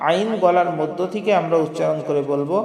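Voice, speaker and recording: A man teaching recitation word by word, switching between quick explanations and slow, patient chanting, correcting common mistakes. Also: a little high, vocal fry, a crowd in the background. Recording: echoey room with long reverb.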